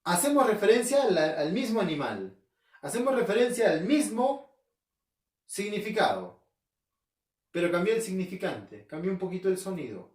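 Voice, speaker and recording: A male teacher with a Peruvian Arequipa accent talks high and swings his pitch widely. He keeps posing questions to himself and hammering home key terms. The sound is roomy and echoey, with his voice coming from well away from the mic. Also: big pitch swings, moderate pace, long pauses. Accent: Peruvian Spanish, Arequipa. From Peru. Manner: asks himself questions and answers them, repeats key terms, checks in with "¿ya?". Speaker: school language teacher. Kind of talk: recorded home-learning class. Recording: roomy echo, voice from far off the mic.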